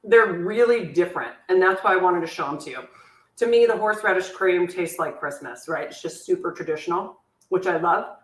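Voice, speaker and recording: A woman teaches a live cooking class from her home kitchen, speaking a little fast in a slightly squeaky voice. She answers viewers' questions chattily, tossing in warm, self-mocking remarks while her sore back bothers her. The recording is echoey and distant, backed by clinking cutlery and dishes.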